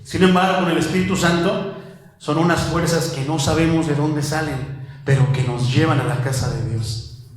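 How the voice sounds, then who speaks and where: A man preaching a sermon as pastor, animated, firing rhetorical questions and calling listeners "my brother". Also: fairly high pitch, moderate pace. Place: church hall. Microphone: handheld microphone. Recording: very echoey church hall.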